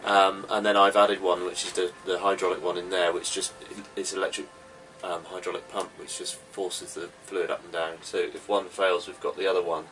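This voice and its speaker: In a cramped indoor cabin, a boat owner in his thirties casually runs through the gear on his sailboat in plain, practical terms. His voice sits low and a bit bright, with little pitch movement, a moderate pace and few pauses. A slightly distant mic catches faint background noise.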